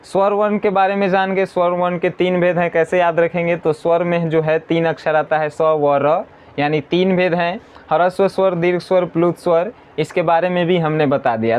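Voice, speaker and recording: A man teaching an exam-prep grammar lesson, slowly repeating definitions and answering his own questions. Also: sits high, a little mellow, clean tone.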